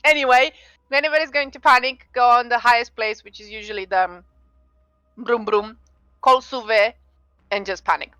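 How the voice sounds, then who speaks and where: A woman's voice: a little high, steady tone, normal speed, bright, forceful tone, clear, resonant tone, no echo, low-quality recording. A woman playing in a tabletop game, talking hesitantly with many fillers. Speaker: player. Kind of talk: casual tabletop play.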